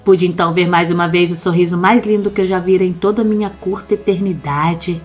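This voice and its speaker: A woman's voice: on the low side, fairly even intonation, a little fast, a little mellow. A woman narrating a first-person horror story in a tense, dramatic way. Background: faint background music.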